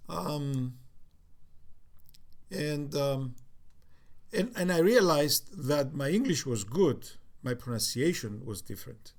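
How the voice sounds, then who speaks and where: A man in his sixties with a faint Cypriot accent, speaking at a middle pitch. He reminisces slowly and thoughtfully, pausing with frequent ums and uhs as he gathers his memories in a relaxed family conversation. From Cyprus. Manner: reflective, halting with many fillers. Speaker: interviewee, father. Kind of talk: casual family interview.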